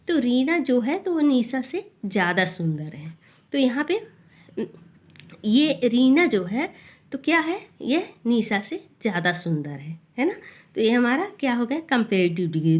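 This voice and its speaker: A woman's voice: a little high, darkish tone. A woman teaching a grammar lesson to students, explaining step by step and asking and answering her own questions.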